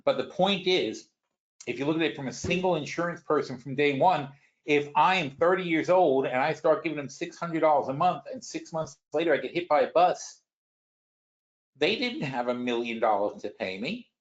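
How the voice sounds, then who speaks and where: A man's voice: fairly high pitch, expressive, normal speed, dull audio. A man hosting a stock market webinar, explaining finance in a rambling way with frequent restarts and worked examples. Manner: rambling, restarts often, talks through examples. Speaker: webinar host.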